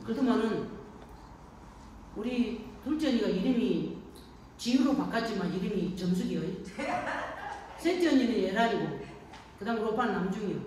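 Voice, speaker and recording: Woman pastor, folksy call-and-response sermon, slightly high voice, distant mic in a reverberant room. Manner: folksy storytelling, frequent call-and-response questions. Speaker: pastor at an elder care center. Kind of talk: sermon to elderly congregation. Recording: echoey room, distant mic, faint noise.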